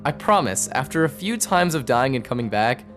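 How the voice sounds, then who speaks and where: Man voicing a smooth-talking schemer, lively intonation, persuasive, smug, story character. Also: mid-range voice, normal speed. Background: faint background music.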